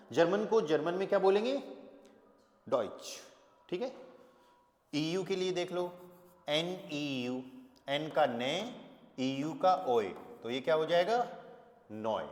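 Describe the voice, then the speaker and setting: Male language teacher, slightly high voice, patient and repetitive, spells letters out slowly; recorded in a reverberant room. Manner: patient, repeats key points with "ठीक है" checks. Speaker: German teacher. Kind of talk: classroom-style language lesson. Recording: echoey room with long reverb.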